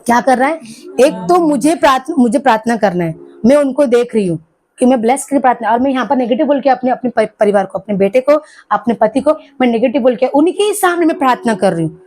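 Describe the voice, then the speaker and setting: A middle-aged woman delivers a church hall sermon full of repeated hallelujahs, questioning the congregation in a call-and-response way. She talks fast, and her slightly high, a little mellow voice has lively intonation.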